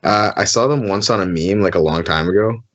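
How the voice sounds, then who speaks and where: A man's voice: deep voice, fairly quick, a little hiss or hum. A man co-hosting a casual gaming chat, easygoing and rambling as he explains. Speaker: co-host. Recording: dull lo-fi stream audio.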